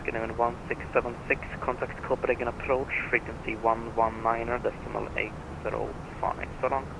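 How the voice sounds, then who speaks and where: A man's voice: level tone, a little fast, creaky. A man working as an air traffic controller, giving formulaic procedural instructions over the radio. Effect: radio transmission. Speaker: air traffic controller on a flight simulator network. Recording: rumbling, noisy radio channel.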